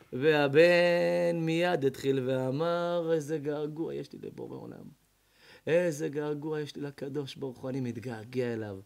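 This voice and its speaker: A male rabbi telling a story in a sermon, acting out each character's lines and swinging from loud to hushed. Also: medium pitch. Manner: dramatic, voicing characters in the tales with big swings in loudness. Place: evening lecture before an audience.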